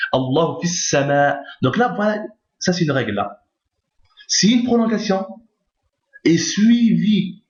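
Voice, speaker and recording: A man at a middle pitch gives a recorded lesson, patient and methodical. He repeats every point and keeps checking that his listeners are following. The sound is roomy and echoey, with a dull, lo-fi tone. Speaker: teacher. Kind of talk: recorded lesson on reading Arabic.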